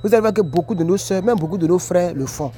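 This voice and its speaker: An Ivorian man films a casual, preachy vlog on his work break, responding to viewer comments. His voice sits high and moves quickly, with faint music audible behind him. He comes across as animated, repetitive and preachy.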